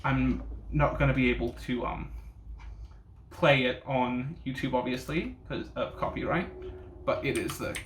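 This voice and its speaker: The male host of a ranking video reacts casually in a steady, medium-pitched voice at a slightly slow pace. His reviewer persona is sassy and bitchy like a drag queen, full of camp slang and swear words. Faint noise and echo fill the room.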